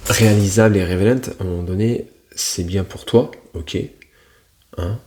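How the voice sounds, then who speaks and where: Deep-voiced blunt French coach. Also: male voice, moderate pace, darkish tone, a little hiss or hum. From France. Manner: slangy, blunt, addresses listener directly. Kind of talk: casual motivational talk.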